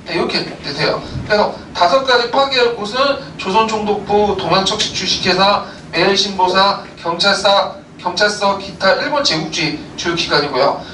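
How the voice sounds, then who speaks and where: A man's voice: high-pitched, moderate pace, hardly any pauses, pushed and bright. Guy teaching a history class, lots of uh's and quiz-style questions, echoey room, faint hiss. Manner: explains with rhetorical questions, many filler "uh"s. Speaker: history lecturer. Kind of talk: recorded lecture. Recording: roomy, distant mic, faint background noise.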